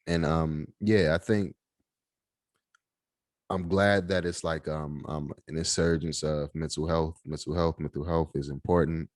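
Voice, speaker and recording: A man from Washington, D.C. hosting a podcast, speaking in an unhurried, supportive way with many pauses. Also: rumbling low, fairly even intonation, dry recording, clean studio sound. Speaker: podcast host. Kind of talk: casual interview chat.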